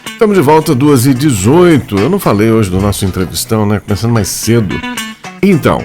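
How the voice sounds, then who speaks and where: A man's voice: fairly low pitch, vocal fry, a little mellow. A man with a Brazilian accent hosting a radio interview in a studio, chatty and jokey, full of fillers. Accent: Brazilian Portuguese. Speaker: radio host. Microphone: studio microphone.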